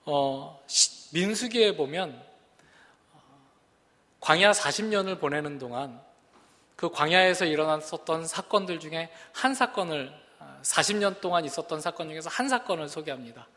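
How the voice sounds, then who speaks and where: A pastor preaching a sermon, earnest and building to impassioned emphasis. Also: male voice, fairly high pitch, expressive, moderate pace, bright, forceful tone. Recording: long reverb of a large hall.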